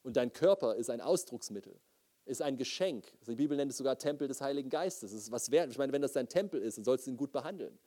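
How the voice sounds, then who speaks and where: Prediger mit dunkler, weicher Stimme. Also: male voice, medium pitch, quick pace. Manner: lively, asks the audience questions. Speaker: preacher. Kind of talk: sermon.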